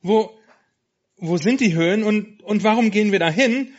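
Man doing a high-pitched timid young ewe, stammering, anxious, storybook voice, dull lo-fi sound. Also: animated, slow pace. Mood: fearful. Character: timid frightened young female sheep.

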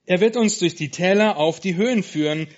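A man's voice: sits high, fairly quick, voice pushed up. An upbeat female sheep reassures her friend in a lifted, encouraging voice, as a man voices her while reading aloud. She sounds kindly and sure. The sound is dull and lo-fi. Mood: reassuring. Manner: encouraging, warm.

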